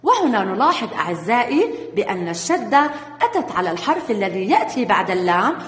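A woman's voice: mid-range voice, very animated, quick pace. A woman teaching young children a reading lesson, encouraging and sing-song, praising them often. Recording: echoey room with long reverb.

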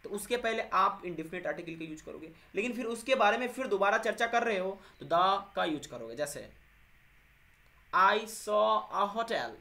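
Male grammar teacher, conversational lesson delivery, frequent check-ins, drawn-out emphasis on key words. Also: high-pitched, animated, sharp tone. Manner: chatty, repeats "okay" after nearly every point; addresses viewers as friends, stresses words by slowing down. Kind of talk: explanatory classroom-style lesson.

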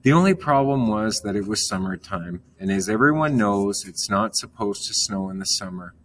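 A man reading a children's story aloud in a calm manner, gently explaining words along the way. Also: fairly low pitch, normal speed, slight background noise.

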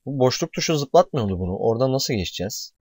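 A young man gives excitable commentary on his own gameplay at home, cursing and yelling at the game one moment and calming himself the next. His voice sits at an average pitch, recorded dry and close on a desk mic in a small room. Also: quick pace, no room sound. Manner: excitable, swearing and shouting at the game. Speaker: gamer.

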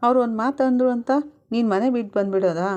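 A woman's voice: a little high, quick pace, a little mellow, pitched above the performer's own voice, lightly acted. A woman voicing a middle-aged mother who lectures her daughter at length. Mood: lecturing. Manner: lecturing, advising.

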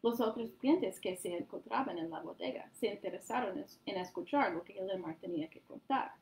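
A woman storyteller reading a picture book aloud to children in an animated way. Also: mid-range voice, a little fast, low-quality recording. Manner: animated, addresses young listeners.

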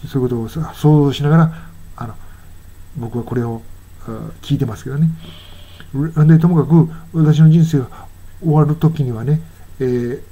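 A man's voice: fairly high pitch, dark tone, dull audio. Older man musing through a lyrics lesson. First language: Japanese. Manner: musing, self-correcting, sings out English lines slowly. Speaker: English teacher.

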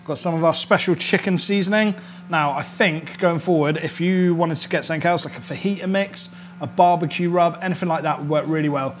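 A British chef in his thirties gives an informal cooking demonstration on an indoor kitchen studio set, talking a little fast in a voice slightly higher than average. He explains each step chattily and instructively, often making sure the listener is following. Some kitchen-set background noise is audible.

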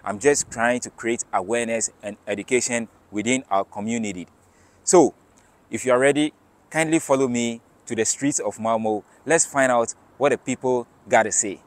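A man in his thirties hosting his own channel, doing a lively outdoor street interview and reacting with short upbeat remarks. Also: medium pitch, moderate pace. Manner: upbeat, greets guests warmly, short reactions. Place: sunny city square outdoors.

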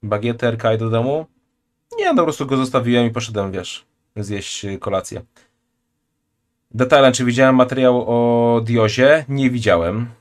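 A man's voice: medium pitch, moderate pace. Blunt, crude-talking male streamer. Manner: blunt, crude, chatty, reads donations aloud. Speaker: streamer reacting to a video. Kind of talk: casual live-stream commentary. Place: home streaming room.

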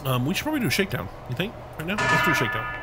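Over loud music, a man hosts a let's play in a slightly high voice that talks very fast with big pitch swings. He's recovering from being sick and sounds a bit scratchy, rambling, thinking aloud and humming to himself as he plays.

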